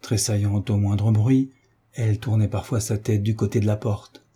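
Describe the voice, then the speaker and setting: A man reading a classic novel aloud as an audiobook narrator, measured and even. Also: on the low side, husky. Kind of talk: scripted narration.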